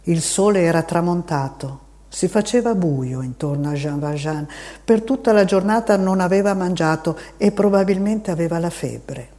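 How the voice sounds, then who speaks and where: A steady narrator reading a classic novel aloud at an even, measured pace. The delivery stays calm and quiet between the scenes with dialogue, with a voice of middling pitch. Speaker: audiobook narrator. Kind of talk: scripted literary narration.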